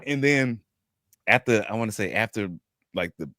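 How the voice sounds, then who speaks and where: A man's voice: on the low side, animated, normal speed, bright, forceful tone, dry recording, clean studio sound. A man co-hosting a podcast, telling a story in casual chat and laughing now and then. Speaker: podcast co-host.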